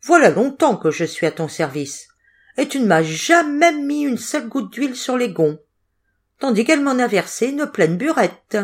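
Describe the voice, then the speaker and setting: A woman's voice: a little high, very animated, moderate pace, voice pushed up. A woman voicing a grumbling old gate. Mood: resentful. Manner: complaining. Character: creaky old neglected yard gate.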